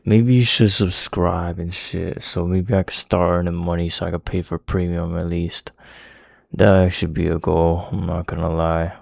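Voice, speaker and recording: A man's voice: sits low, level tone, moderate pace, creaky, a little mellow, no room sound. A young man rambling casually as a music reaction host, talking with a slight lisp from his retainers and swearing often.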